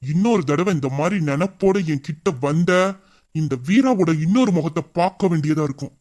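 A performer voices a young husband in an audio drama, a man who misses his wife. His voice sits at an ordinary middle pitch. He talks in an emotional, intimate and endearing way. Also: expressive, brisk, dark tone, a little hiss or hum, lightly acted. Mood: threatening.

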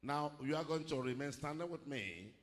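A middle-aged male pastor giving a measured sermon into a handheld microphone at a pulpit, rising to emphatic declarations. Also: fairly high pitch, lively intonation. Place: large church hall, indoors. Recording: long hall reverb.

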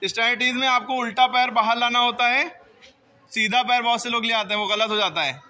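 A man's voice: very high-pitched, steady tone, a little fast, sharp tone, faint music behind, poor audio. A male school teacher explaining drill positions to students step by step, often checking if they understand. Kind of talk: classroom drill instruction.

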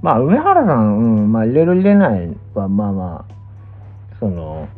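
A young man with a Kansai accent talks off the cuff in a casual stream chat. His pitch moves around a lot as he muses and hedges. The sound is narrow and phone-like, with faint music underneath. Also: wildly swooping pitch, normal speed. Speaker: pro gamer and streamer. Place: small indoor room, lying down. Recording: muffled, thin phone-like audio.

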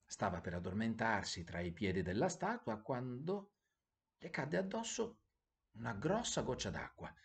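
A man, a priest, narrating a bedtime story in an expressive, sing-song storytelling manner. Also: on the low side, moderate pace, gravelly. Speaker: priest telling bedtime stories.

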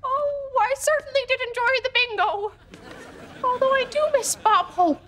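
A young woman playing an earnest, good-natured teenage girl at a performing-arts school, with expressive comic delivery. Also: very high-pitched, moderate pace, some chatter behind, a little hiss or hum. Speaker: sitcom actress. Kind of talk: multi-camera sitcom acting. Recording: sitcom stage with studio audience laughter.

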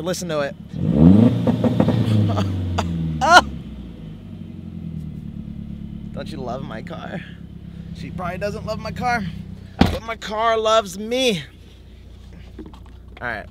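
A young man in his twenties vlogging casually to a handheld camera, relaxed and joking, in his car and a parking lot. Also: medium pitch, very slow, vocal fry, long pauses, heavy background noise. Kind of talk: casual vlog chat. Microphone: handheld camera at arm's length.

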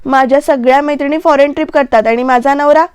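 A woman voicing a discontented, sulky young wife, in slow, plain quoted lines. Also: high-pitched, steady tone, a little mellow, no echo, clean studio sound, lightly acted.

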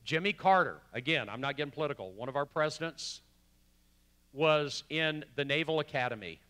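Guy preaching a sermon in church, bright voice, gets loud then drops real quiet for quotes. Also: on the high side, lively intonation, a little fast, smooth, no echo. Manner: preaching with wide swings from loud emphasis to hushed quotes. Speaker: pastor. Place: church sanctuary.

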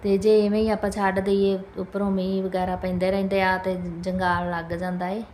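A woman's voice: mid-range voice, flat delivery, moderate pace, darkish tone. A woman in her thirties with a Punjabi accent, narrating a casual home vlog in a chatty, homely way, addressing viewers with polite tags. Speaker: family vlogger, mother. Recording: clear background noise, home ambience.

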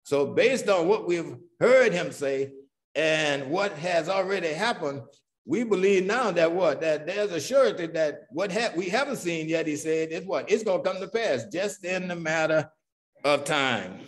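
A man with a slightly raised pitch teaches a church Bible class. He keeps tossing out "what?" and then answering his own question. Nearly every point ends on an "amen," with a small chuckle now and then. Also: expressive, unhurried. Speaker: Sunday school teacher.

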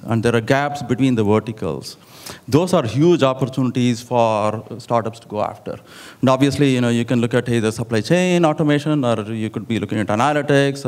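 A middle-aged man on a conference hall stage, talking into a handheld mic. He explains things steadily and fills his pauses with "you know". His voice sits at an ordinary middle pitch. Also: a little mellow. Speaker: panelist. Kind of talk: conference panel discussion. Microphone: handheld microphone.

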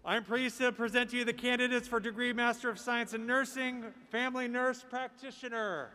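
A man formally reading out the names of graduates one by one, in a measured, deliberate way, at a podium microphone in a large theater. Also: extremely high pitch, flat delivery, pushed and bright. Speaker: name reader at a graduation ceremony.

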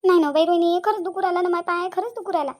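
A woman's voice: high voice, steady tone, rapid-fire. A woman voicing a sly, lazy middle-aged aunt in a cartoon, talking with a Vidarbha Marathi accent in a whiny, pleading way. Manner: whiny, pleading, dialect-heavy. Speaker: cartoon voice actor. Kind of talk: cartoon dialogue.

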